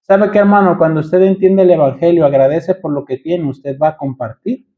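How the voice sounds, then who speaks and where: A Mexican pastor, a man, leads his congregation through a sermon, calling them brothers and pushing them with rhetorical questions. His voice sits high. The recording is muffled and lo-fi, as if captured inside a church. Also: steady tone, moderate pace.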